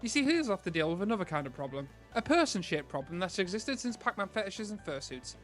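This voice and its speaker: A man narrating a scripted comedy video with crude, sarcastic, rapid-fire jokes. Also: high voice, big pitch swings, soft background music. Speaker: gaming video host.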